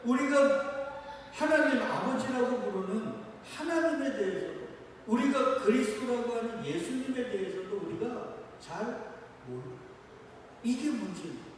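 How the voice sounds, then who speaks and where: A man's voice: very high voice, expressive, measured pace, a little hiss or hum. A male pastor preaching a sermon in a church, reading scripture aloud and putting questions to the congregation. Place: church sanctuary. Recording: echoey hall from a distance.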